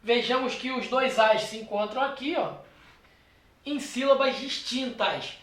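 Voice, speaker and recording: A teacher with a Brazilian accent giving a lecture, talking straight to the viewer and checking in often with quick tag questions. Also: mid-range voice. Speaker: exam prep teacher. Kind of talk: classroom lecture. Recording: roomy echo.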